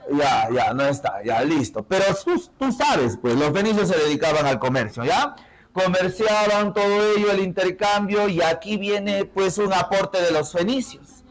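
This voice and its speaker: A male teacher with a Peruvian accent leading an interactive lesson, firing quick questions at his students and pushing them to answer. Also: sits high, expressive, poor audio. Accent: Peruvian Spanish.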